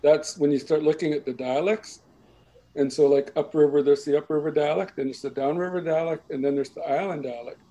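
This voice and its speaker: A man giving a slow, patient explanation of his people's dialects and lands, often checking in with the listener. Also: a little high, steady tone, dark tone, low-quality recording. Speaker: language and culture speaker. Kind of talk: explanatory talk.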